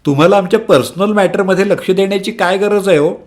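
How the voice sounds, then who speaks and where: A man doing a shrill, scolding auntie. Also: moderate pace, close to an everyday voice. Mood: angry wailing. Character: loud tearful middle-aged aunt, quick-tempered.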